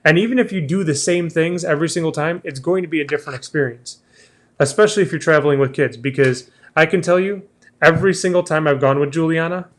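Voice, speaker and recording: A man's voice: on the high side, fast talker. A man hosting a casual travel chat, talking in a chatty way and restarting his sentences often. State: has the hiccups. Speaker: travel show host.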